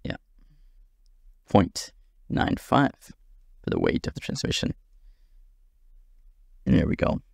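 Man, gravelly fry, casual self-deprecating tutorial instructor, close dry mic. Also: low-pitched, huge pitch swings, takes it slowly, pauses often, no room sound. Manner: chatty, self-deprecating, thinks aloud. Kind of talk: casual screen-recorded tutorial.

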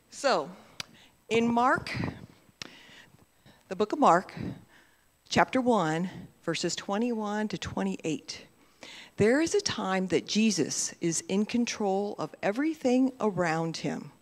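A woman's voice: mid-range voice, lively intonation, takes it slowly. A woman leading a playful children's message in church, talking to the kids and asking them questions. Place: church sanctuary. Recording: reverberant church hall.

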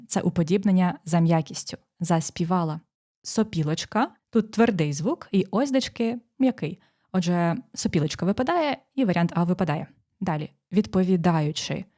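A woman teacher explaining exam phonetics, pronouncing sample words slowly and walking through each rule step by step. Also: lowish voice, warm tone. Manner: dictating sounds slowly, explaining rules step by step. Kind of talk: exam prep lesson.

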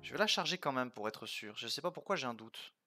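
A man's voice: medium pitch, expressive, fast, pushed and bright, soft background music. A man streaming a video game, chatting casually and thinking aloud with lots of fillers and playful jokey asides. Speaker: let's play streamer. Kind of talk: casual gameplay commentary.

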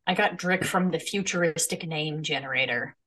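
Fast-talking, joking woman player. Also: low voice. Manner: quick, animated, joking. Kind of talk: casual chat during a tabletop game.

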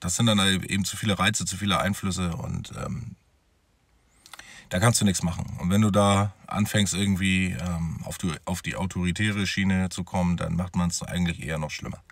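A man's voice: sits low, steady tone, normal speed, vocal fry, dry recording. A man telling his own story as a father in a personal vlog, talking straight to his viewers in a conversational way.

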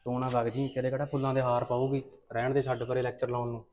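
A man's voice: medium pitch, flat delivery, fast, darkish tone, a little hiss or hum, natural voice. A young man in a short film playing a chatty college classmate grumbling about a strict teacher. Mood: casual, grumbling. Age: young adult.

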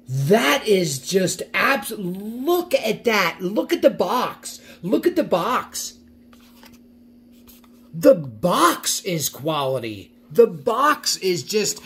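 A man hosting a casual diecast car showcase, excitedly repeating his praise and jumping higher in pitch when thrilled. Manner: excited, repeats phrases, gushing. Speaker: diecast collector vlogger.

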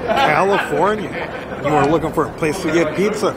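A man's voice: on the high side, moderate pace, a loud crowd. A man smiling as he talks, giving an easygoing, casual food review as a vlogger. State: smiling while talking. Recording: loud outdoor noise behind.

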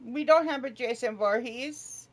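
A woman's voice: fairly high pitch, measured pace, a little hiss or hum. A woman chatting with friends during a game, telling funny stories and laughing. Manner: laughing, storytelling. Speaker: player in voice chat. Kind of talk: casual gaming chat.

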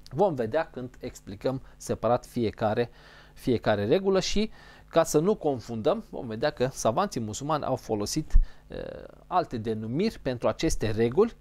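Man teaching in a lively voice. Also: a little high. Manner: explains step by step and repeats key terms; models Arabic sounds mid-sentence. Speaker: Quran recitation teacher. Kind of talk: spoken lesson on recitation rules.

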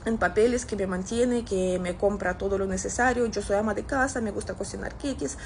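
Replying to comments on camera, a Russian social media content creator in her thirties chats casually with a Russian accent. Her medium-pitched voice runs a little fast, and the audio from the phone at arm's length has a bit of hiss or hum.

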